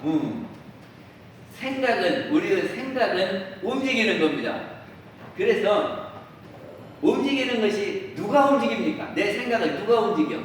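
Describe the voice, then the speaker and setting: A man's voice: sits high, lively intonation, normal speed. A man who is a Won Buddhist minister, giving a dharma talk to a congregation and often turning to the listeners with questions or acting out everyday remarks. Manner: asks the listeners questions and acts out everyday quotes. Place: temple dharma hall. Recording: very echoey hall, voice from far off, faint hiss.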